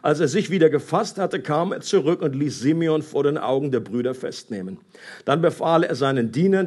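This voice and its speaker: Husky man reading and preaching. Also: medium pitch. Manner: conversational, animated asides with hesitations. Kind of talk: Bible reading and sermon commentary.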